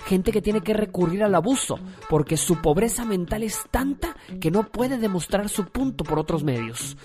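A man delivering a scripted motivational talk, speaking formally and earnestly straight to the listener. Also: sits high.

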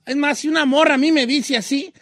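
A man with a Mexican accent chatting casually and joking while reading out comments, often mimicking singers' shouts. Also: very high voice, fairly even intonation, fairly quick, no echo. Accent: Mexican Spanish. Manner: jokey, imitates singers' shouts. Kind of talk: casual chat.

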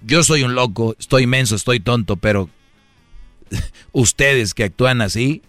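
A man with a Mexican accent hosts an advice talk show, giving men relationship advice in a brash, slangy, mocking style. His medium-pitched voice is unhurried and a bit bright, recorded with no room sound and faint music in the background.

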